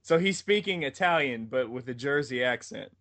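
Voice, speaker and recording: A man's voice: mid-range voice, lively intonation, normal speed, fairly bright tone, dry recording. Polite joking man in dry sound. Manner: polite, joking, careful not to offend. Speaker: podcast co-host. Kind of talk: casual chat.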